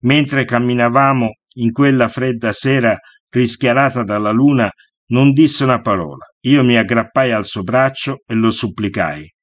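A man reads a first-person novel aloud, steady and unhurried. His voice sits at a middling pitch, and the recording is close and dry with no room sound. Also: no room sound. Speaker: audiobook reader.

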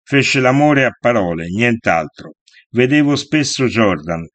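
Measured male audiobook reader. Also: mid-range voice, lively intonation, fairly bright tone, dry recording. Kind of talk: scripted first-person novel narration.

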